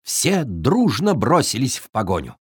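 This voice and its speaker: A storyteller reading a children's fairy tale aloud in a very expressive, sing-song way. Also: medium pitch, unhurried, husky, dry recording, studio quality.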